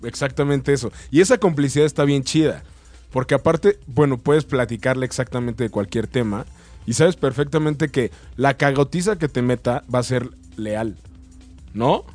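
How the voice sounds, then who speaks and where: A man with a Mexican accent in casual conversation, relaxed and rambling, full of slang and restarts. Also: mid-range voice, normal speed, soft background music. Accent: Mexican Spanish. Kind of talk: casual chat.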